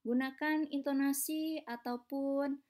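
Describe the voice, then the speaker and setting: A woman's voice: high-pitched, fairly even intonation, slow pace, darkish tone. A woman from Indonesia teaching an English lesson, explaining patiently step by step with small hesitations.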